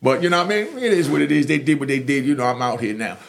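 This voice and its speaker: A man's voice: mid-range voice, racing, gravelly, slight background noise. A man telling a long street story in casual chat, rambling with many fillers and restarts. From New York. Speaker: storyteller host.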